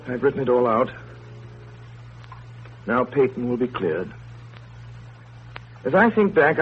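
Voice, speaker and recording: An actor playing a weary, coolly detached country doctor in a 1930s radio drama, speaking in a measured, reflective way. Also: male voice, mid-range voice, a little hiss or hum, close to an everyday voice. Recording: muffled, phone-like 1930s radio broadcast.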